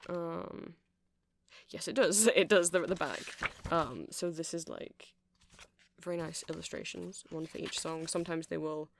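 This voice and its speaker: A faint hiss or hum sits under a creaky, medium-pitched voice delivered at a measured pace. In this ASMR roleplay the performer is a nerdy, awkward, friendly male vampire music-shop seller, chatty and explanatory as he rambles hesitantly and apologetically to the listener.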